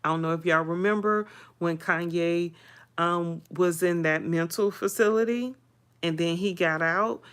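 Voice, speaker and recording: A woman's voice: fairly low pitch, measured pace, a bit bright, smooth. A woman vlogger casually chatting through celebrity gossip, hedging her opinions as she goes.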